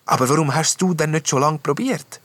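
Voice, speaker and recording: A man's voice: a little high, a little fast, fairly bright tone, no room sound, voice pushed up. A man voicing a thoughtful young boy knight who ponders aloud, in a storybook reading.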